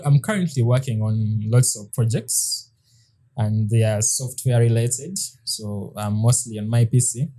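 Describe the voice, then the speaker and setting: A man in his thirties co-hosting a podcast in casual chat, hesitant, with frequent restarts and soft laughs. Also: medium pitch. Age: 30s. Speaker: podcast co-host.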